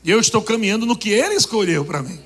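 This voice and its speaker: A man's voice: sits high, big pitch swings, very fast, a bit bright. A man preaching a sermon, joking and laughing with the congregation. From Brazil. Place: church hall. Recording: long reverb of a church hall.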